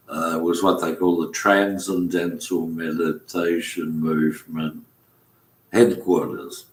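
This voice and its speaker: Man, deep bass, slow halting monologue, roomy echo. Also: a bit bright. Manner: halting, many fillers and restarts. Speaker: commentator. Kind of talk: rambling spoken monologue. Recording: echoey room.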